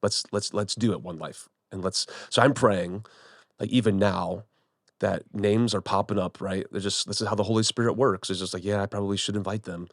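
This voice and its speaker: Low-voiced pastor chatting on a podcast. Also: male voice, normal speed, no echo, clean studio sound. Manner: conversational, repeats words as he thinks. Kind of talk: casual podcast conversation. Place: studio room with podcast team.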